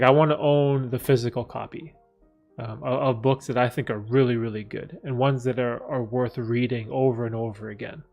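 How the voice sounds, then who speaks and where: Sitting in front of a bookcase at home, a man with a mid-range, slightly mellow voice answers viewer questions on a casual livestream. He rambles loosely, circling back and restarting, padding his thoughts with fillers, while faint music plays underneath.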